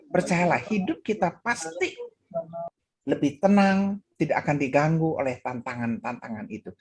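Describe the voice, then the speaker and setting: A woman's voice: a little mellow, slightly rough. A woman with an Indonesian accent preaching at an online women's gathering, telling a story and acting out its voices. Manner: acts out voices in her story, pitch swinging high and low. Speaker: women's ministry speaker. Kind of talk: sermon with a told story. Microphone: video call.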